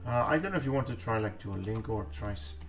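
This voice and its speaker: Talking fast and expressively in a fairly low voice, a live streamer whose first language is Greek draws pixel art and chats with his viewers, thinking aloud as he goes. Music plays in the background along with keyboard typing, captured on a distant mic.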